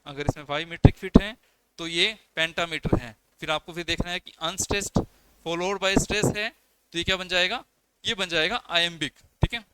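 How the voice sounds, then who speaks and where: Heavy noise surrounds a high-pitched young man lecturing on poetry for exam preparation. He counts syllables aloud, explains in steps, and uses his own terms as an English lecturer.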